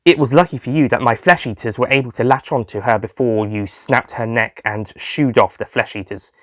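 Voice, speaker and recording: A man's voice: medium pitch, a little fast, fairly bright tone, no echo, clean studio sound, lightly acted. A man voicing a smug, scheming alien villain with a volatile temper, gloating theatrically in a sci-fi audio story.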